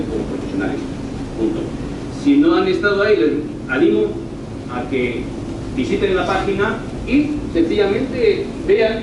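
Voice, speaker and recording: This middle-aged university lecturer from northern Spain, whose voice is a little high, gives an informal presentation with a northern Spanish accent, speaking deliberately and often repeating or rephrasing himself. He was recorded from afar in a lecture room that is very echoey, with a distant mic and clear noise.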